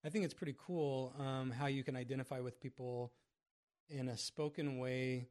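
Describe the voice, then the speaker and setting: Mid-pitched man, mumbles a little, relaxed casual podcast talk. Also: moderate pace. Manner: self-described mumbler. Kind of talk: casual chat.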